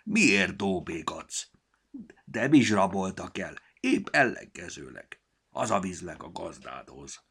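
A man's voice: deep voice, big pitch swings, creaky, a bit bright, breathy edge, full character voice. Man doing a grumpy little elf. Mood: grumbling. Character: grumpy, impatient young male elf.

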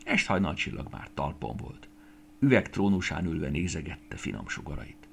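A man narrating a children's fairy tale in a gentle, expressive reading voice. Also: very deep voice, gravelly, a little hiss or hum. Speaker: storyteller.

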